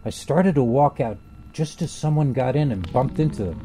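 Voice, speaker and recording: A man narrating a first-person horror story in a slow, grave, deliberate way. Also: mid-range voice, animated, mellow, slight background noise.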